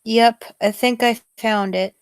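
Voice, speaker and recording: A woman hosting a casual podcast chat, talking with many pauses, fillers and restarts. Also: on the high side, fairly even intonation, smooth. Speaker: podcast host.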